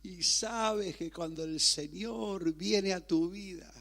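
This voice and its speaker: A middle-aged male pastor preaching a sermon dramatically, acting out voices and moving between shouting and near-whispers. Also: high voice, slow, gravelly.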